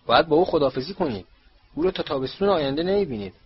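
A man's voice: medium pitch, expressive, muffled recording, a little hiss or hum, close to an everyday voice. A man voicing a flustered, kindly middle-aged wizard father, speaking in an earnest, pleading way. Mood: stern.

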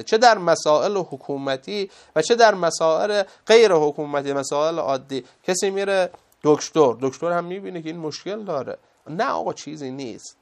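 A man giving a moral lecture as a religious speaker, emphatic and full of rhetorical questions. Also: a little high.

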